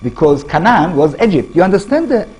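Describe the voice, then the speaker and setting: Husky and high-voiced, this Israeli-accented man, a native Hebrew speaker, talks fairly quickly. He's an author giving a public lecture, lively and constantly posing rhetorical questions to his listeners.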